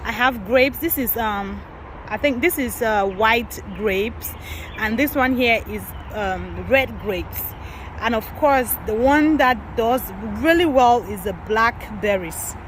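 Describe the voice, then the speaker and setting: Woman from Cameroon, gardening vlogger, high-ish voice, chatty tour, wind and traffic noise outside. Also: slow pace, rough recording. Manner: chatty, addresses viewers as guys. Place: outdoor garden, windy.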